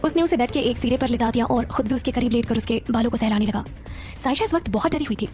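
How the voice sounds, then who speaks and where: A woman narrating a romantic audio series in a steady storytelling manner. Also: fairly high pitch, fast talker, faint music behind.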